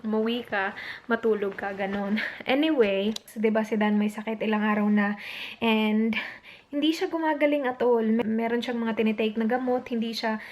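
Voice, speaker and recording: Alone at home at night, a young woman vlogs about a long night, chatty but upset and close to tears, retelling quotes and mixing English phrases into her Tagalog. Her voice is a little high and mellow, with a steady tone and moderate pace.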